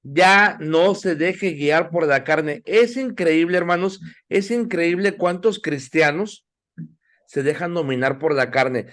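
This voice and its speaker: A man's voice: a little high, slow, fairly bright tone. A middle-aged man teaching a Bible class in sermon style, exhorting listeners and asking them questions. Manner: exhorting, asks the audience questions.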